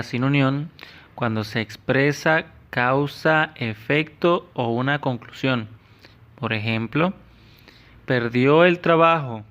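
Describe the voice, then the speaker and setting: A man with an Ecuadorian Spanish accent, a teacher giving a lesson to children, explaining slowly and carefully. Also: mid-range voice, fairly bright tone. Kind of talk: classroom lesson. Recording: dull lo-fi sound.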